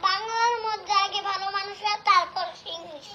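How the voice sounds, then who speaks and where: A woman's voice: very high voice, steady tone, a little fast, bright, forceful tone, dull audio. A woman chiming in agreeably from off-mic.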